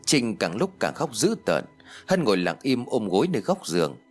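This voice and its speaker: A man narrating a ghost story audiobook in an expressive storytelling manner. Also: fairly low pitch, normal speed, husky, faint music behind.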